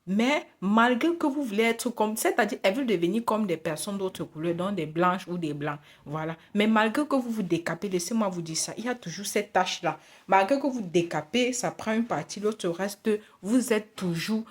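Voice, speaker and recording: Woman vlogger, casual indignant storytelling, repeats herself and restarts often. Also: medium pitch. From Africa. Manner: indignant, repetitive, many restarts and fillers. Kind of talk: casual storytelling rant to camera.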